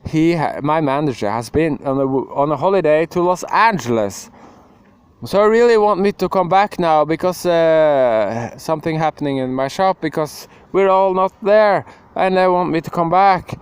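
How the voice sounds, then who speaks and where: A man's voice: a little high, moderate pace, clean tone, dry recording. A young man rambling emotionally to the camera in a casual monologue, breaking into laughs and sudden outbursts. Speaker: vlogger.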